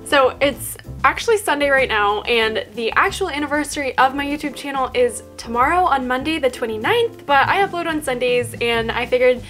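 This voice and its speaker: Bubbly high-voiced young woman vlogging. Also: animated, normal speed, hardly any pauses, fairly bright tone, faint music behind. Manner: bubbly, giggly, enthusiastic. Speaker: YouTube vlogger. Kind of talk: casual chatty vlog to camera.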